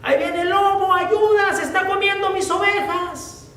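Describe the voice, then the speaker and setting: A mischievous young shepherd boy , put on by a preacher, cries out in a high, strained voice. The sound rings around a roomy church hall and is picked up from well back. A faint rumble runs underneath. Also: lively intonation, moderate pace. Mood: panicked. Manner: shouting in alarm, then panicked. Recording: echoey church from a distant mic.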